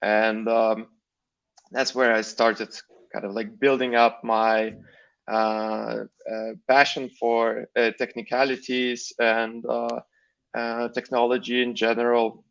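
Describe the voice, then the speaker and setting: Slow, hesitant man from Lithuania. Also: medium pitch, flat delivery, creaky, fairly bright tone, muffled recording. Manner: hesitant, many fillers. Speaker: guest. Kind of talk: live online interview.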